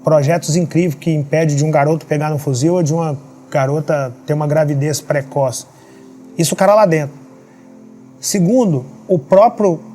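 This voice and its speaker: Fast-talking man. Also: fairly high pitch, warm tone. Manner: emphatic, rhetorical questions. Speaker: podcast guest. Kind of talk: motivational storytelling. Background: faint background music.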